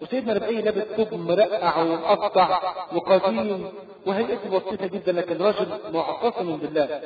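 A man's voice: high-pitched, brisk, slight background noise. A man with an Egyptian Arabic accent preaching a colloquial storytelling sermon, acting out dialogue and asking rhetorical questions. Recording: echoey hall over lo-fi phone-like audio.

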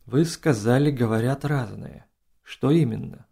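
Commanding storybook princess, quiet and measured, read by a man in his own gravelly, dark voice. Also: medium pitch. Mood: hushed. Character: princess, a woman, composed and commanding. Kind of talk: audiobook reading.

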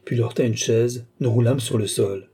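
A man reading a novel aloud as a narrator, in a measured storytelling manner. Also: medium pitch, steady tone, warm tone, breathy edge. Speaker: audiobook narrator. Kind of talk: scripted narration.

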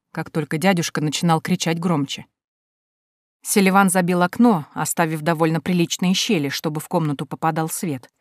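A woman narrating a first-person audiobook in a measured, even storytelling manner, recorded on a close mic. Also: fairly low pitch, no room sound.

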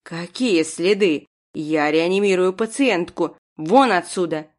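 A woman's voice: fairly low pitch, takes it slowly. A woman playing a rude fraudster doctor. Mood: arrogant. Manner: dismissive, smirking.

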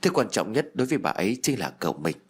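Man as a calm, knowing uncle. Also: on the low side, fast, husky. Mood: grave. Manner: explaining, gently teasing.

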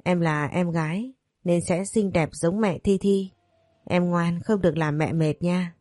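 A woman reading the part of a sweet little boy, speaking softly and tenderly. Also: fairly low pitch, a little slow, no echo, studio quality, faint music behind, natural voice. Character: sweet gentle little boy, a ghostly son.

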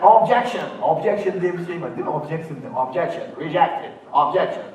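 A man from Turkey performing live stand-up comedy, telling stories and acting out quick characters with shouted bits. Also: on the high side. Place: large live venue before an audience. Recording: echoey live hall from a distance, crowd laughter and noise.

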